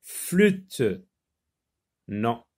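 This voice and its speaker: A man's voice: medium pitch, sing-song, darkish tone. A man teaching a phonics lesson, patiently repeating words and spelling them out letter by letter. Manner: slow, deliberate word repetition.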